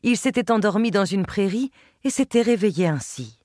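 A woman narrates a literary novel in the first person with a measured, expressive delivery. Her voice sits in a middle range. It is recorded close to the mic with a dry, deadened sound. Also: mid-range voice, no echo. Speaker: audiobook narrator.

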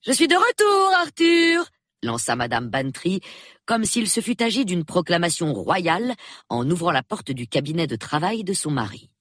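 Male audiobook narrator, lively intonation, dry close-miked booth sound. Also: on the high side, husky, no room sound. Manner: expressive, measured reading. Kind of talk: scripted narration.

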